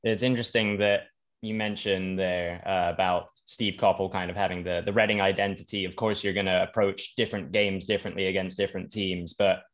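A man's voice: low-pitched, steady tone, brisk. A man hosting a football podcast, asking long, rambling questions full of restarts. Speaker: podcast host. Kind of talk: casual interview questions.

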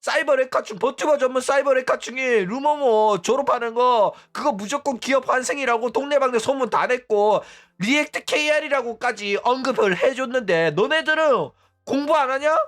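A man's voice: very high voice, normal speed, few pauses, fairly bright tone. A man hosting a commentary channel, ranting bluntly and mockingly and tagging his points with "right?". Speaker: VTuber news channel host.

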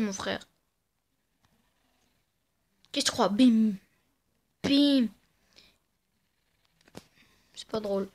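Slow-talking young woman gaming. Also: on the high side. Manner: playful, trash-talks the game, often mutters softly. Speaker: gamer. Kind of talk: casual let's-play commentary.

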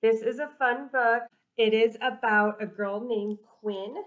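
A woman's voice: fairly high pitch, steady tone, measured pace, a little hiss or hum, low-quality recording. Woman giving an upbeat, informal book talk. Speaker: librarian presenting a book recommendation. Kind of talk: casual book talk to camera. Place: small indoor room by a window.

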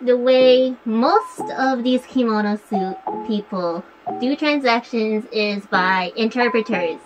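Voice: medium pitch, slow, background noise. A vlogger talking through a costume head, giving earnest, encouraging advice to viewers. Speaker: fursuit vlogger. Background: background music.

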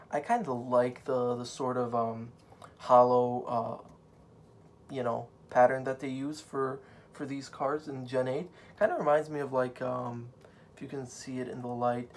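A man's voice: mid-range voice, slight background noise. A man hosting a casual card-unboxing chat at home on a couch, rambling and joking, with many fillers. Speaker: channel host.

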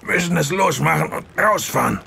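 A man's voice: fairly high pitch, creaky, sharp tone, slight background noise, voice pushed up, exaggerated voice. A man voicing a wounded, remorseful middle-aged father who forces his words out with strain, in an audiobook reading. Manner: strained, halting.

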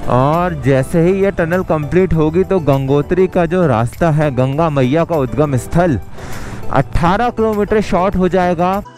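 A man's voice: on the high side, unhurried, darkish tone, faint music behind. A man in his thirties, a travel vlogger talking casually to his viewers as friends while riding a motorbike on an outdoor mountain road, recorded on an action camera. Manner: chatty, addresses viewers directly as friends. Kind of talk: casual travel vlog narration. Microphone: action camera on the bike and held at arm's length.

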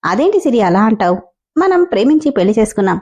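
A woman's voice: on the high side, very animated, fast, a little mellow. A woman voicing a shy, fretful young man about to be married, in a read-aloud story.

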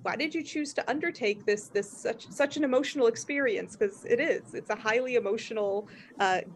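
A woman's voice: fairly high pitch, brisk, slight background noise. Chatty woman podcast host. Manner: rambling, laughs often, many restarts. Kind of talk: casual chat.

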